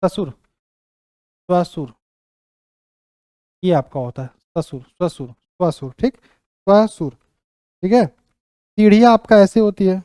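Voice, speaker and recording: A young male teacher runs an exam-prep lesson, saying each word again and again as he writes it out and checking in with his students. His voice sits high but mellow. The sound is dry, with no room echo. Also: lively intonation, slow pace, long pauses, clear, resonant tone. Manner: repeats words while writing them out, checks in with "ठीक".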